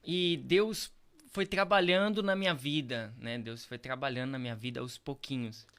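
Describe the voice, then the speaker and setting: A man's voice: mid-range voice, normal speed, fairly bright tone, clean tone. A young Brazilian man, a pastor, telling his faith story in an earnest, repetitive way full of tag questions. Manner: earnest, repeats phrases, frequent tag questions. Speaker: pastor, podcast guest. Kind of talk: casual testimony chat.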